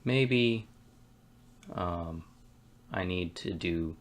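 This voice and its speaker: Very deep, gravelly man musing aloud. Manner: relaxed, musing, talks to himself between pauses. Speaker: game developer streaming his work. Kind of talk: casual thinking-aloud commentary while working.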